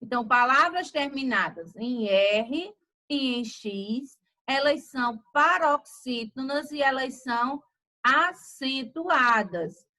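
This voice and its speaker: A woman teacher, slowly dictating words in a grammar lesson. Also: sits high, animated, bright, forceful tone, low-quality recording. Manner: slow, deliberate word-by-word dictation.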